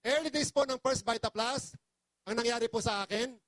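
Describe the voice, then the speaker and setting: Very high-voiced impassioned man from the Philippines. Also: normal speed, fairly bright tone, dry recording. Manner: pleading, emotional, very polite. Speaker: business presenter. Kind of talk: impassioned testimonial speech to an audience.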